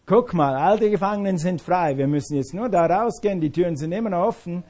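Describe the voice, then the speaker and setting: A preacher voicing a loud, emphatic apostle. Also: male voice, sits high, a little slow, pitched above the performer's own voice. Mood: taunting. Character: male apostle, taunting or urging, bold.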